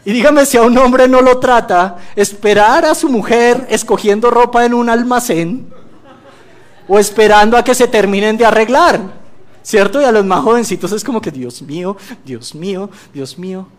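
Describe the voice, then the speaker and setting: A man's voice: very high voice, normal speed. A man giving a church testimony, telling a story with humor and preaching to the congregation. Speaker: guest speaker giving a testimony.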